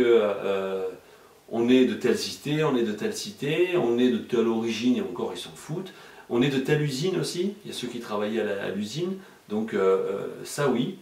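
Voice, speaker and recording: Man, journalist guest, hesitant with many fillers, deep voice, far from the mic. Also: darkish tone. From Marseille, France. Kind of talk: casual explanatory interview talk. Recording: echoey room, mic far off.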